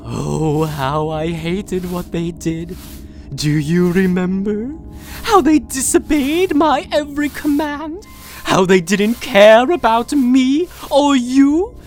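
A woman's voice: on the high side, full character voice. Woman voicing a sing-song unhinged captor. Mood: menacing. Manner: sing-song coaxing that erupts into screaming rage. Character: unhinged possessive captor, sweetly menacing villain. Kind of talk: audio drama monologue.

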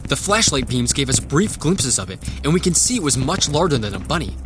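An actor playing an earnest adventurer who narrates a tense audio drama in the first person. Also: male voice, mid-range voice, very animated, brisk, background noise, natural voice. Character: earnest male adventurer recounting a tense story. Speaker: narrator and lead character.

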